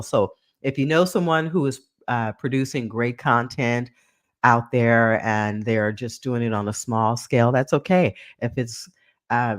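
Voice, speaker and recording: A man's voice: medium pitch, no echo. Male live-stream news host on a headset mic, dead-dry close sound, earnest talk-to-camera delivery. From San Francisco.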